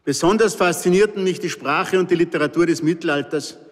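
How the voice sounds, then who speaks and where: A little high and brisk, the voice belongs to a man of 60-plus from Pinzgau, Salzburg, with the region's Austrian accent. Reading his own stories and telling anecdotes to a live audience, he keeps the humour wry and dry, the hall ringing with long reverb.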